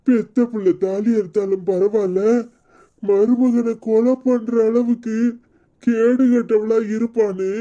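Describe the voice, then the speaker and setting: A sorrowful old father-in-law from a Tamil cartoon serial, acted out by a man, his Tirunelveli accent thick with shame and guilt. The voice sits high yet sounds dark and mellow. It comes through a dull, lo-fi track with faint music behind it. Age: older. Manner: sorrowful, pleading, heavy with guilt. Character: grieving elderly father-in-law, shamed and tearful.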